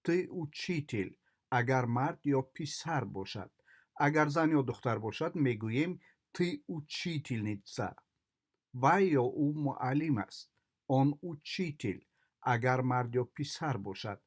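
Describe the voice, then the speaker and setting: A male language teacher works through words and simple sentences one at a time. His delivery is slow and methodical, and he repeats each pattern in the same steady way. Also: medium pitch. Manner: deliberate, repeats phrases in patterns. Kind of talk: slow drilling of vocabulary.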